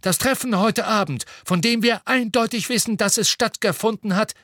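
A pompous minister keen to close the matter, voiced by a man in an audiobook. Brisk and raised in pitch. Dry close sound. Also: fairly bright tone, no room sound. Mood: decisive. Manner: brisk and decisive. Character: pompous male minister, eager to settle things.

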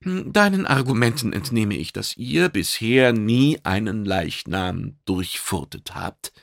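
A man's voice: fairly low pitch, lively intonation, slow pace, creaky, dry recording, studio quality, full character voice. A man voicing a diplomatic male mediator who soothes both sides in an audiobook.

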